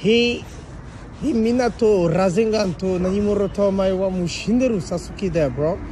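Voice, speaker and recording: A man pulls a street prank, rattling off confident made-up English full of slang. His voice sits high but mellow in tone. Faint city noise runs behind him outdoors. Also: a little slow. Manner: confident nonsense patter, calls people bro. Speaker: hidden camera prankster.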